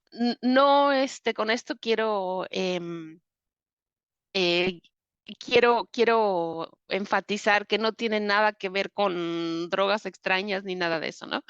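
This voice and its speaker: Mexican woman guest, animated storyteller, lots of fillers, muffled dry recording. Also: mid-range voice, clear, resonant tone, dry recording. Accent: Mexican Spanish. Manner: vivid retelling with many fillers. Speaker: interview guest. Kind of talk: personal storytelling.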